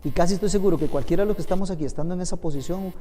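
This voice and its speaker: A man's voice: high voice, rapid-fire, dark tone, big-room sound, slight background noise. A man with a Costa Rican accent, a pastor teaching a Bible class to his congregation, emphatic and asking them questions. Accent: Costa Rican Spanish. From Costa Rica. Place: church hall.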